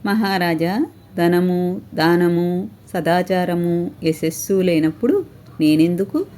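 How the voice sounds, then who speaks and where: A woman's voice: fairly low pitch, takes it slowly, dark tone. A woman voicing the gracious divine spirit of Truth. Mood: solemn.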